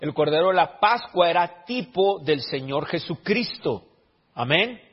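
A man preaching a sermon as pastor, stammering through restarts and then rising to emphatic, drawn-out lines. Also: a little high, lively intonation, breathy edge. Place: church. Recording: dull lo-fi sound with long hall reverb.

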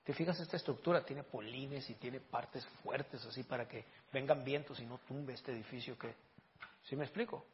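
A man's voice: mid-range voice, moderate pace, slight background noise. A man preaching a conversational sermon as a pastor, asking rhetorical questions and often repeating words as he goes. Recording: dull lo-fi recording.

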